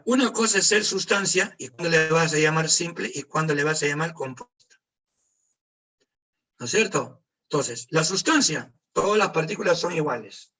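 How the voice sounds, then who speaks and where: A man teaches an online chemistry lesson, firing questions at his students and answering them himself with joking asides. His voice sits a little high and sounds husky. The call audio is distant, as if he is set back from his computer mic. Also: expressive, moderate pace, pushed and bright. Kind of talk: online class lecture. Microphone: computer mic on a video call.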